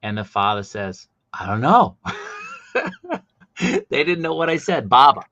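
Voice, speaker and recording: A middle-aged man from Boston, USA, with a Boston accent, appears as a guest toy collector, chatting casually and telling jokey stories in quick bursts. His mid-range voice has a sharp tone and big pitch swings. The recording is dry and lo-fi.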